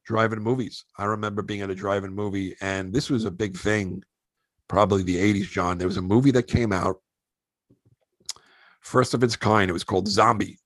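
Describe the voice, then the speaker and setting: Animated storytelling man, dry sound. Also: lowish voice, normal speed, no room sound. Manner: animated anecdotes, acts out quoted voices. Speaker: podcast host and actor. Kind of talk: casual storytelling.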